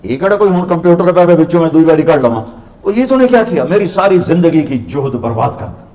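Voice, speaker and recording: A man's voice: on the high side, big pitch swings, a little mellow. A man voicing an exasperated male scholar, scolding someone in a wailing outburst over his ruined books. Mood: distraught scolding. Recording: echoey and distant.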